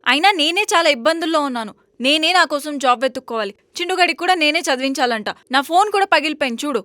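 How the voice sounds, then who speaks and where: A bossy, sharp-tongued village girl. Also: sits high, animated, no echo. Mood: irritated. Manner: brisk, bossy and scolding. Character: young village woman, jobless, sharp-tongued but caring. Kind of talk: romantic comedy web series acting.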